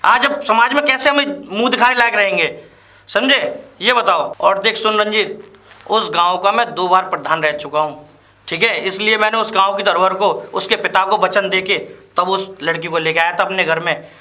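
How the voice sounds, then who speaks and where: A man's voice: sits high, normal speed, sharp tone. A man playing a stern lecturing village father. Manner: lecturing, keeps asking "understood?". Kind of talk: amateur web drama acting.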